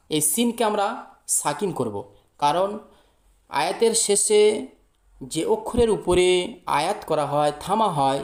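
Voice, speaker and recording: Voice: medium pitch, reverberant. A Quran teacher who patiently spells out each letter and vowel, explaining step by step and drawing out the vowels when reciting.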